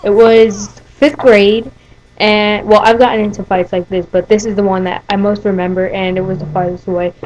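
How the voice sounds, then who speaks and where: A woman's voice: mid-range voice, flat delivery, moderate pace, a little mellow, dull audio. A teenage-sounding woman telling a story casually over gameplay, rambling with many fillers and restarts. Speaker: gaming video host.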